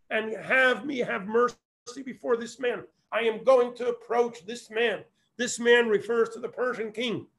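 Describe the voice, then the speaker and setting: A man's voice: very high-pitched, a bit bright. A man teaching a Torah text, reading Hebrew phrases and translating them. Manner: explains verse by verse, quoting Hebrew then translating. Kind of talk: text study lesson.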